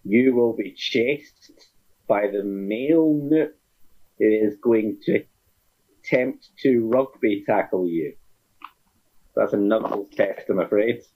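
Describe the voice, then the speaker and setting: A man narrates as game master, dryly amused and in no hurry. His voice is slightly husky. The recording is dull and lo-fi. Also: on the low side, takes it slowly, pauses often. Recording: dull lo-fi sound.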